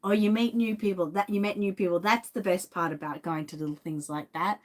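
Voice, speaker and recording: An Australian woman who makes reborn dolls and runs a shop chats casually on a livestream from her home studio, greeting viewers by name. Her voice is medium-pitched and a little fast, and she has a lingering cough.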